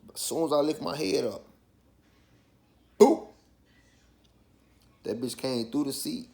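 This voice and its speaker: A man's voice: mid-range voice, measured pace, vocal fry, warm tone. A man with a Chicago accent telling a personal story in a casual, slangy street style, often checking in with the listener. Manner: slangy, with frequent checking tags like "you feel me". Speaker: vlogger.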